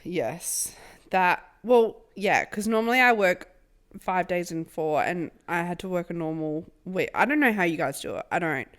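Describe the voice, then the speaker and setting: A young woman with an Australian accent, co-hosting a casual podcast chat and telling animated stories while acting out her own lines. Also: on the low side, normal speed. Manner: animated storytelling, acts out her own quotes, swears freely. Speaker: podcast co-host.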